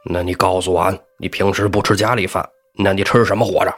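A man's voice: low voice, steady tone, a little fast, fairly bright tone. A man voicing a drunken, fearless warrior who barks curt commands. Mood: gruff threats.

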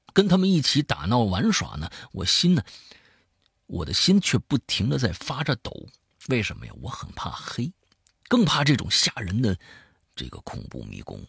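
A man who hosts a show, telling a scary story in the first person, swinging from hushed to loud. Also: fairly low pitch, vocal fry, slightly rough, no room sound, clean studio sound. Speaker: host reading a listener's story.

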